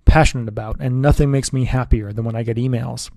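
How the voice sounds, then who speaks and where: A man, a relationship coach, giving an earnest, persuasive sales pitch straight to the listener. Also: steady tone, quick pace, gravelly, dark tone, no echo, studio quality.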